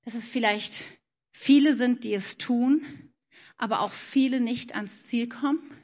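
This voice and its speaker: A woman preaching a sermon, moving between animated questions and hushed, soft-spoken passages. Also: on the high side, measured pace.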